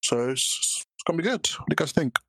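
A man's voice: a little high, lively intonation, brisk, creaky, fairly bright tone, husky, dry recording. A man co-hosting a podcast in casual, slangy chat. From Britain. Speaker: podcast co-host.

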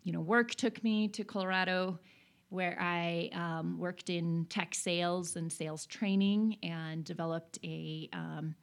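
Norwegian-born woman in her 40s, lowish voice, guest on an interview, lots of ums. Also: fairly even intonation, measured pace, creaky. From Norway. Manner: thoughtful, frequent fillers. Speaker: guest, consultant. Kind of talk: conversational interview.

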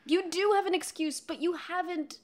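A woman co-hosting a podcast, chatting casually and teasing her husband in an excitable, animated way. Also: extremely high pitch, moderate pace. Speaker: podcast co-host.

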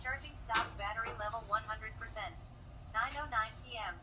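A synthetic female text-to-speech voice from a phone, a smooth screen reader announcing from a phone speaker across the room. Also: fairly high pitch, fairly quick, background noise. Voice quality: smooth, even, robotic announcing.

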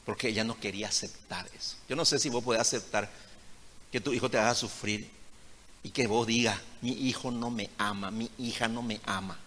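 A man preaching a sermon as a pastor, swinging between hushed asides and loud, emphatic points. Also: lowish voice, steady tone, fairly quick, a little hiss or hum. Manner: retells conversations as acted dialogue. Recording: long reverb of a large hall.

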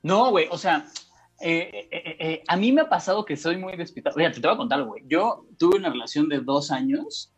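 A man's voice: a little high, expressive, fairly quick, breathy edge, lo-fi sound. A young man with a Mexican accent, co-hosting a casual podcast, rambling through self-mocking stories in slang. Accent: Mexican Spanish. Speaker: podcast co-host. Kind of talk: casual chat.

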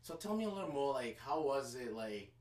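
A man hosts a relaxed podcast conversation, upbeat and chatty, circling back and restarting his sentences. He sits a little away from the microphone. The room around him rings with echo. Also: medium pitch, a little fast. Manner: upbeat, rambling with many fillers and restarts. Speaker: podcast host. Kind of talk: casual interview chat. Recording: roomy, distant mic.

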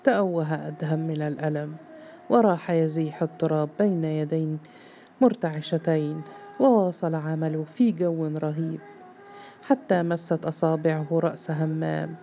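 A woman narrating a novel in a measured, dramatic storytelling manner. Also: deep voice, fairly even intonation, dark tone, soft background music.

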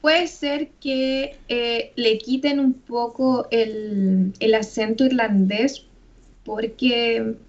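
A somewhat high-voiced Chilean woman gives her opinion in a relaxed podcast chat about a film. She talks easily with small hesitations, and her audio comes through dull and lo-fi. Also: drawn-out words. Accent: Chilean Spanish. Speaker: podcast co-host. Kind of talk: casual film review chat.

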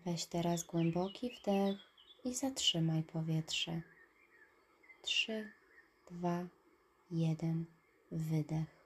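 A woman narrating a guided relaxation in a soft, calm voice that trails into breathy whispers. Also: fairly low pitch, very slow, long pauses, slight background noise. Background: birdsong and nature ambience.

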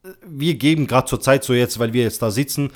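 Hosting a casual chat in loose slang, a man leans on "so" and "bro" in nearly every phrase. When telling a story he performs the other people's lines, speaking a little fast at medium pitch.

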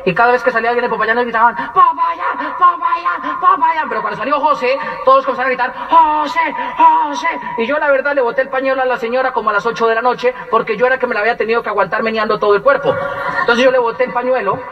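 A man with a Colombian accent giving an animated, humorous testimony to an audience, acting out the crowd's chants. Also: very high voice, rapid-fire. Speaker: business testimonial speaker. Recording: distant, dull lo-fi sound.

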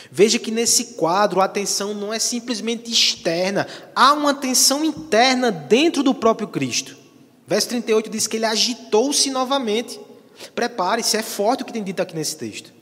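Preacher guy, high voice, big dramatic swings loud to quiet, long echo like a church hall. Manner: dramatic preaching, wide swings from booming to hushed. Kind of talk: sermon.

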